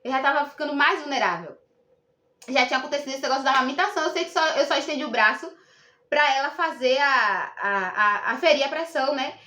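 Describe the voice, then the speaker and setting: A woman's voice: high voice, lively intonation, fast talker, sharp tone, roomy sound. A young Brazilian woman telling a personal story to camera in a casual, indignant and emphatic way. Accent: Brazilian Portuguese. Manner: indignant, emphatic, repeats herself. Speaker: vlogger.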